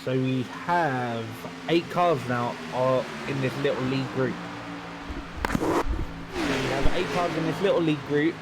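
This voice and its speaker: A man as co-commentator on a sim race, giving relaxed, easygoing analysis. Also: medium pitch, slow pace, very noisy. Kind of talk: sim racing colour commentary.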